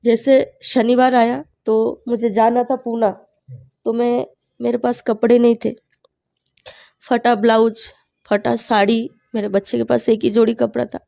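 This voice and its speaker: Earnest woman with a creaky voice. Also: fairly high pitch, little pitch movement, a little slow, dark tone, no echo. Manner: earnest storytelling, often quoting her own prayers. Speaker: testimony speaker.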